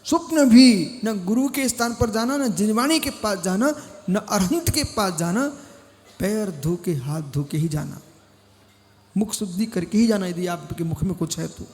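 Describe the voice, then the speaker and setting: A man preaching to a gathering in a measured, unhurried cadence, hammering lines home by repeating them. His voice sits high for a man, and it rings with the long reverb of a large hall. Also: lively intonation, darkish tone. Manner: slow, emphatic, repeats phrases and calls listeners by name. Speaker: Jain monk preacher. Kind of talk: sermon.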